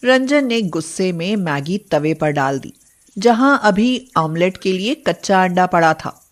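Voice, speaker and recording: A woman's voice: lowish voice, expressive, a little slow. A woman narrator reading a scripted moral story.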